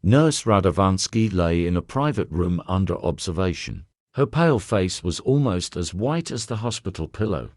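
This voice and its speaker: A man narrating a detective story in an expressive storytelling manner. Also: low voice, normal speed, few pauses, dry recording, studio quality. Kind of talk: scripted audiobook narration.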